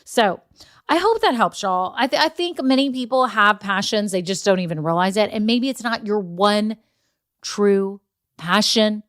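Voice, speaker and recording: A woman's voice: mid-range voice, expressive, measured pace, fairly bright tone, no echo, studio quality. Chatty woman podcaster. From Texas. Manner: chatty and encouraging, many asides and "okay?". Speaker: podcast host. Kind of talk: casual solo podcast coaching.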